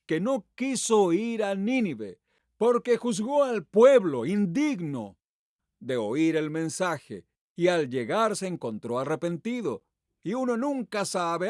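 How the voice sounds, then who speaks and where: Lively preaching pastor, high animated voice. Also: male voice, dry recording, clean studio sound. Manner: preaching with rhetorical questions and Bible readings. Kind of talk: sermon.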